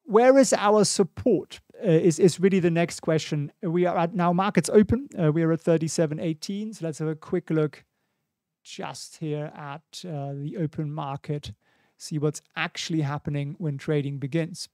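A man in his forties with a German accent runs a stock market livestream from a small indoor home studio, casually talking through charts, thinking aloud, and reading viewer questions. His voice is fairly high and mellow, at normal speed. The boom-mounted studio mic in front of his face picks up no room sound.

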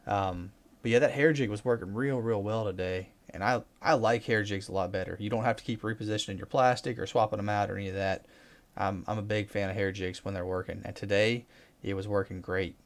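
A man casually commenting over his fishing footage, relaxed and rambling with excited bursts. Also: lowish voice, fairly quick. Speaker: fishing vlogger.

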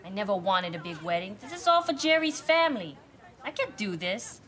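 An actress playing a feisty, exasperated bride-to-be in a sitcom, with an emphatic, indignant manner. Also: female voice, mid-range voice, very animated, brisk, a crowd in the background, natural voice. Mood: distressed. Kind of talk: multi-camera sitcom acting. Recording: studio audience behind dialogue.

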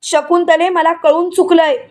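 Brief: harsh elderly matriarch, accusing tone, high voice, done by a woman narrator. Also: level tone, a little slow. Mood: scolding. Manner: scolding, accusing. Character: stern older matriarch, sharp-tongued.

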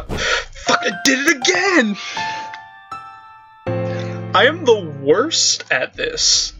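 A man's voice: fairly high pitch, fairly bright tone. Chatty joking young man gaming. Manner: chatty, joking, self-deprecating, swears. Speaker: gamer. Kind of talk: casual let's-play commentary. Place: room at home with windows open. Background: faint game music.

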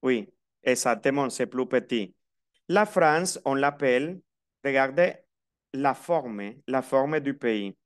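A man with a Colombian coastal accent teaches a language class and moves between two languages as he goes. His voice is smooth and clear at an ordinary middle pitch. He explains patiently and repeats key words so his students can follow. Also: lively intonation, takes it slowly. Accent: Colombian Caribbean coast. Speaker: French teacher. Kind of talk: classroom lesson, mixing Spanish and French.

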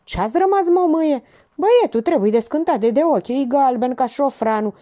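Shrill bossy old mother, a woman voicing her, high and piercing, for an audiobook. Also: expressive, warm tone. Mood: scolding. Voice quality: shrill, shrieking. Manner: bossy, scolding.

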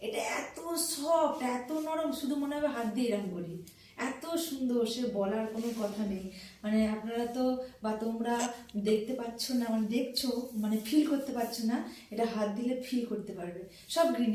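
A middle-aged woman chatting softly and gushing as she shows off things she bought. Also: on the high side, heavy reverb, distant mic, slight background noise, low-quality recording. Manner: chatty, gushing, repeats herself; soft, hushed talk. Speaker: vlogger showing purchases. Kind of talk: casual show-and-tell chat.

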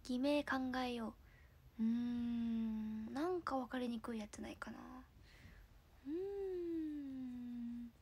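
A young woman from Fukuoka with a Hakata accent, chatting casually on a livestream, giggling and sometimes dropping to a soft murmur. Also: a little high, takes it slowly, long pauses, slightly rough. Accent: Hakata dialect. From Fukuoka, Japan. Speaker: idol livestreamer.

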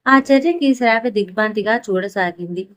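A woman's voice: medium pitch, moderate pace, a bit bright, no echo. Woman reading an audiobook story. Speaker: audiobook narrator. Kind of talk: scripted story narration.

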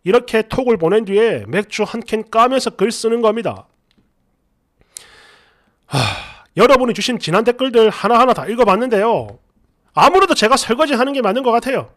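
A man narrates his own online post in the first person, sounding exasperated as he recounts what happened. His voice sits unusually high for a man and moves in wide, lively swoops, carrying the story along with an animated storytelling drive. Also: brisk.

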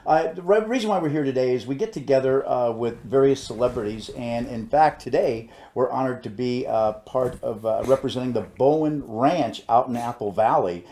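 Older male host, casual talk-show intro, lots of uh's, mellow voice in a roomy studio. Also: mid-range voice. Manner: halting, filler-heavy introductions with enthusiastic interjections. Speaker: interview host. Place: indoor studio set, seated.

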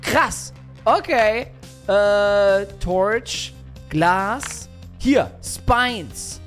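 A young man doing let's play commentary, teasing and excitable as he plays. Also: high voice, extremely slow, faint music behind. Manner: excitable, teasing, shrieks and laughs at his game. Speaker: gaming YouTuber.

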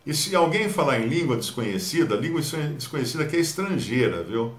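A man with a Brazilian Portuguese accent giving a Bible study, animated and mockingly mimicking others. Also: medium pitch, brisk, roomy sound. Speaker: Bible teacher.

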